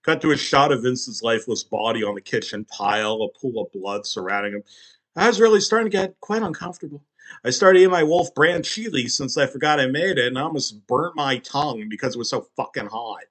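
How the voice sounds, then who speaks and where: A man's voice: medium pitch, fairly quick, a bit bright. A man narrating a parody creepypasta with crude, sarcastic, profane asides.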